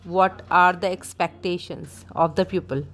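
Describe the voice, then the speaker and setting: A woman reading out a speech as dictation practice, in short, measured phrases with clear gaps between them. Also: on the low side, steady tone, fairly bright tone.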